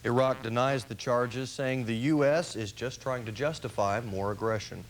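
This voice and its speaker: A man's voice: medium pitch, normal speed. A man reading scripted television news as an anchor. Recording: hissy early 1990s TV broadcast.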